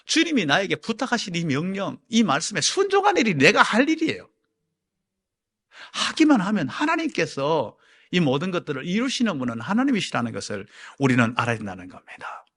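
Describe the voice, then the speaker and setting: High, lively-voiced male pastor preaching. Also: brisk. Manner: swings from hushed, near-whispered lines to loud, ringing exhortation; acts out quoted people in raised, excited voices. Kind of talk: sermon. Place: church sanctuary.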